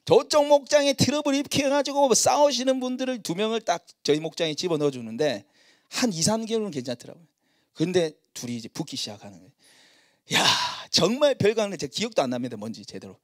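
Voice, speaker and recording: A middle-aged male pastor preaching in a church, telling stories about himself in a lively, self-mocking way. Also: high-pitched, fast talker, dry recording, clean studio sound. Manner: storytelling, animated and self-mocking. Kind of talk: sermon.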